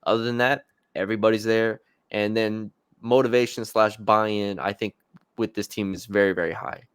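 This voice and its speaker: A man's voice: lowish voice, fairly even intonation, moderate pace, clean tone, no echo, studio quality. A man co-hosting a sports podcast, chatting casually about football picks with fillers and restarts. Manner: conversational, hesitant with fillers and restarts.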